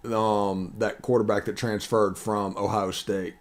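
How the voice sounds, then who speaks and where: A man's voice: on the low side, level tone, measured pace. A man co-hosting a casual sports podcast, talking hesitantly with many fillers. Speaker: podcast co-host.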